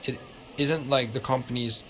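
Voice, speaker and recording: A male livestreamer reads visual novel narration aloud informally, sometimes stumbling over the words. His mid-range voice keeps a steady tone at a moderate pace, against loud guitar music in the background.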